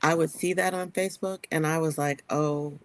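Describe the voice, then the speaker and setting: A woman's voice: low voice, steady tone, a little fast, no room sound. A woman in her fifties chatting casually and conversationally in a group. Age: 50s.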